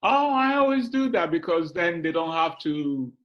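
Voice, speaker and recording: A man born in Ghana, a guest in a casual comedy chat, easygoing and quick to laugh. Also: fairly high pitch, sing-song, lo-fi sound, slight background noise.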